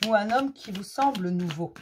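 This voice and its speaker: A woman's voice: mid-range voice, lively intonation, moderate pace, slight background noise. A woman giving a casual spoken card reading as host, talking directly to listeners in an informal, reassuring way.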